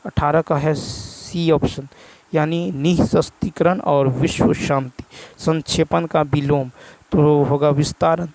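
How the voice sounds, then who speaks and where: A man's voice: a little high, fairly even intonation, measured pace, a little mellow, no room sound, poor audio. A male teacher, with a Bihar Hindi accent, goes through exam prep answers, reading each question and then repeating the answer.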